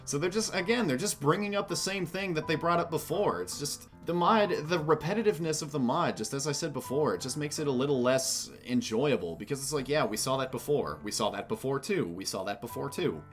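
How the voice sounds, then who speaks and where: A man's voice: a little high, expressive, fairly quick, hardly any pauses, faint music behind. A man hosting a gaming channel, reading a game mod aloud and breaking in with wry, joking asides.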